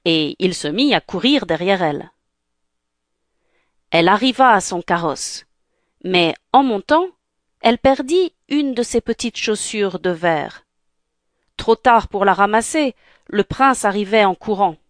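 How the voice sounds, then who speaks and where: A woman reads a fairy tale aloud in a calm, clear voice. She takes her time over every phrase. The sound is dry and close, with no room. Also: mid-range voice, a little slow, long pauses, no room sound. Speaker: storyteller. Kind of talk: storybook read-aloud.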